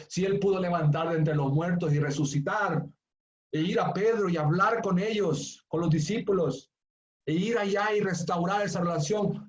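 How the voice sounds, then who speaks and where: A man from Bolivia preaching as a pastor, turning from hushed, tender storytelling to emphatic pleading. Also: fairly high pitch, dull audio. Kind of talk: sermon.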